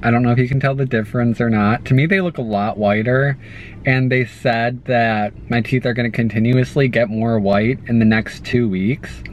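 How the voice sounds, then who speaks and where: A young man vlogging casually, wearing a clear retainer that gives him a slight lisp, chatty and upbeat. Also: medium pitch, fairly even intonation, moderate pace, a little hiss or hum. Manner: upbeat, chatty with many fillers. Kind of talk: casual vlog.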